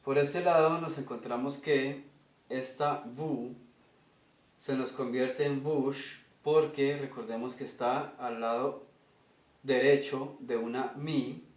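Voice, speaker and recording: A man speaking with a Colombian Spanish accent teaches a made-up language at a whiteboard, slowly and steadily, pausing often to ask "ok?". His voice is medium-pitched, and the room is echoey.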